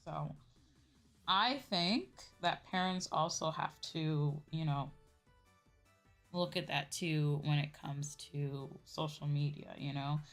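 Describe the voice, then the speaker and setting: Speaking slowly in a low voice, a young adult woman streamer chats with her audience on a casual VTuber livestream with music in the background. She keeps things conversational and frequently asks "right?" or adds "you know."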